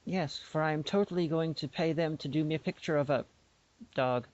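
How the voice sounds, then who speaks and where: Heard through dull, lo-fi online call audio from a remote microphone, a woman co-hosts a podcast in a low, somewhat dark voice at a brisk pace. Her casual chat is playful and meandering, and she frequently starts her sentences over.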